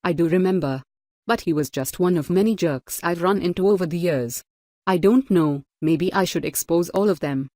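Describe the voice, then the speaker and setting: A woman narrating a novel in first person, measured and steady. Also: fairly low pitch, no echo, clean studio sound. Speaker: audiobook narrator. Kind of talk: scripted audiobook narration.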